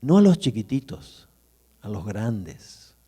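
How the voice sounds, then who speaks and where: A middle-aged man, preaching as a pastor and telling a personal story vividly, his voice going from loud to hushed. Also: fairly low pitch, very animated, takes it slowly, breathy edge. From Argentina. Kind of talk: sermon storytelling. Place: church hall. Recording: church hall with long reverb.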